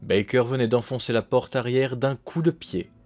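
A man reading an audiobook in a measured, dramatic narration. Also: mid-range voice, steady tone, darkish tone, faint music behind. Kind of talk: scripted narration.

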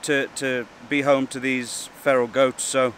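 A man, talking casually and a little hesitantly to camera as a wildlife vlogger, outdoors beside rushing water. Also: medium pitch, level tone, a bit bright. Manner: informal, hesitant and chatty. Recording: outdoor wind, rushing water and traffic noise.

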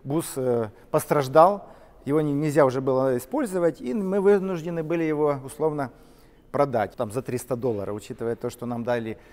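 A middle-aged man, a company co-founder, telling his story in an interview, lively and gesturing as he walks through large factory halls. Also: medium pitch, a little fast, long reverb tail. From Ukraine. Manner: animated, gesturing while walking and talking. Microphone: camera-mounted shotgun mic.

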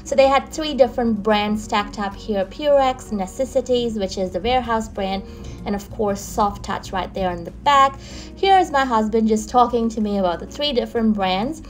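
While riding in a car on the motorway, a young adult woman vlogs a casual shopping tour, chatty and upbeat as she points out products and prices. Her voice sits a little high, her pace is moderate, and soft music plays in the background.

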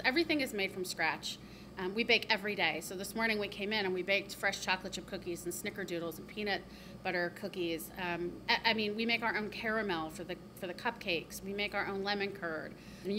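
A woman who co-owns a bakery talks in an upbeat, chatty way, with plenty of ums. She is interviewed inside her shop on a handheld mic. Steady noise sits behind her voice. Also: on the low side. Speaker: bakery co-owner. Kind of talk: casual interview. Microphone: handheld reporter mic. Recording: noticeable background noise.

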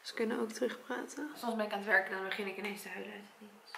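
A Dutch woman in her twenties talking to her camera at her parents' home, tearful and congested from crying, in a soft, halting voice. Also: mid-range voice, steady tone, gravelly, roomy sound, slight background noise. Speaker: vlogger and primary school teacher. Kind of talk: personal vlog talk to camera. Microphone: camera mic.

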